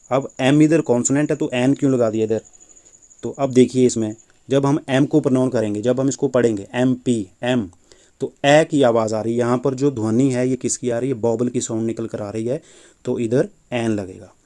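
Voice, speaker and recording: Patient male teacher, mellow voice. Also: mid-range voice. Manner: patient, repeats points and asks rhetorical questions. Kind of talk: explaining English grammar lesson.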